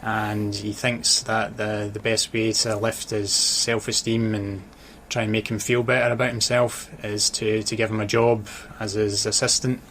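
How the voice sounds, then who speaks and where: Unhurried and with few pauses, a low, even-voiced man from Dundee chats casually on a radio interview. This author and sports journalist has a Scottish accent mixing Dundee, Glasgow and Edinburgh, heard over clear background noise.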